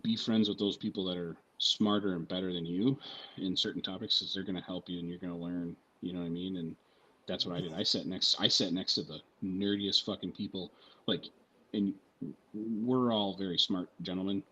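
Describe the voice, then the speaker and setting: Husky, low-voiced man telling rambling stories. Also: steady tone, normal speed, bright, forceful tone, lo-fi sound. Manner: profane, rambling, keeps asking "right?" and "you know what I mean?". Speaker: military veteran podcast guest. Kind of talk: casual podcast storytelling.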